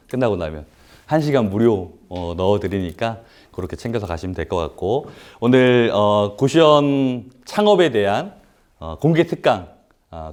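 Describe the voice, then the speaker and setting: Speaking in a mid-range voice, a man with a cold in his throat lectures live at a paid business seminar, in an indoor room before an audience. His style is relaxed, full of rhetorical questions and frequent "uh" fillers.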